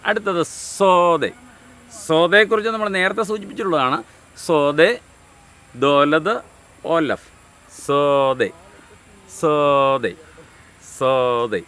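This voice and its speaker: A man teaching a language class, saying letter names slowly and repeating them over and over. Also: fairly high pitch, a bit bright, smooth. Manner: slow, drawn-out letter names recited over and over. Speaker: Syriac teacher. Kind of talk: language lesson.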